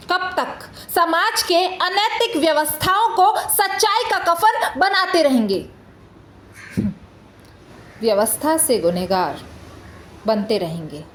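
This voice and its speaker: Speaking with an Indian accent, a woman performs an impassioned, indignant prosecutor's monologue in a theatrical courtroom scene. Her voice is high and heavily acted, moving through deliberate rhetorical phrases broken by dramatic pauses.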